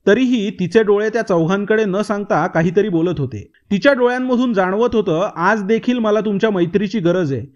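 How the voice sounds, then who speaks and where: A man reading a novel aloud as narrator in steady storytelling. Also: sits high, brisk, few pauses, muffled recording. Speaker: audiobook narrator.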